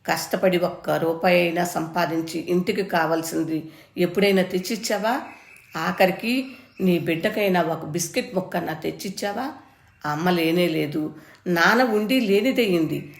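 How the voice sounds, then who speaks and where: A woman's voice: lowish voice, moderate pace, vocal fry. A woman reading a story, voicing a stern old grandmother who scolds her son firmly and with passion. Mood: furious. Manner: firm, scolding, impassioned. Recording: roomy echo.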